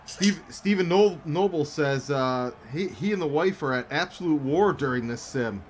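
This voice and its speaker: A man's voice: a little high, expressive, normal speed, a little hiss or hum. A young man co-hosting a game-sim stream, chatting casually and rambling through anecdotes while reading chat aloud. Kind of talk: casual chat over a simulated football game.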